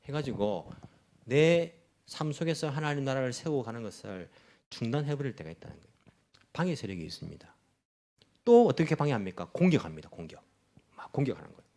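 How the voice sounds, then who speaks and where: A man's voice: medium pitch, a little fast, long pauses. A middle-aged man, a pastor, preaching a Sunday sermon in a church, acting out mocking voices as he explains. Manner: animated preaching, acts out mocking voices of opponents. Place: church in Tokyo.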